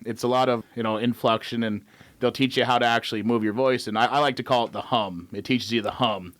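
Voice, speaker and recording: A young man, an auctioneer from North Dakota, chatting casually in an interview and dropping into rapid auction chants. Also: medium pitch, steady tone, a bit bright, no echo. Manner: rattles off rapid auction chants and tongue twisters. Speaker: auctioneer guest.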